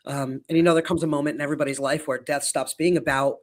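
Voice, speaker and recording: A man in his fifties co-hosting a casual podcast, speaking reflectively and often pausing on "um" and "you know". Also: a little high, fairly even intonation. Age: 50s. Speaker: podcast co-host.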